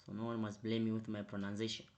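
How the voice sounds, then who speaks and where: A man teaching an online accounting revision class, repeating his prompts and growing louder and more emphatic as he explains. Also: lowish voice, completely flat delivery. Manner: repetitive, prompting with "right?" and "quickly". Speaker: accounting tutor.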